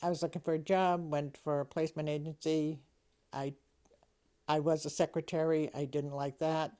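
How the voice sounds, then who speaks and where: Older Boston woman, dark mellow voice. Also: low-pitched, flat delivery, moderate pace. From Massachusetts, United States. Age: 70s. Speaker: interviewee reading an accent sample. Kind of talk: read-aloud word lists and sentences, then plain interview answers.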